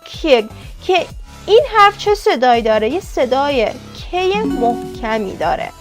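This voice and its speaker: Woman, language teacher, higher pitch, faint music underneath, slow repeated sounds. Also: big pitch swings. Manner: repeats sounds slowly, addresses viewers as kids. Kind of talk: explaining Korean consonants.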